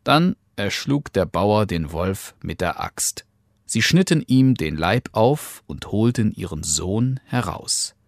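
Male narrator, fairy tale reading, slow calm pace, lowish voice, dry close sound. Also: creaky, no room sound. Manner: calm, unhurried storytelling.

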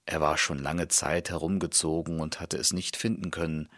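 Man reading an old fairy tale, low gravelly voice, really slow, dry close sound. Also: dry recording. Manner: calm, measured storytelling. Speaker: storyteller.

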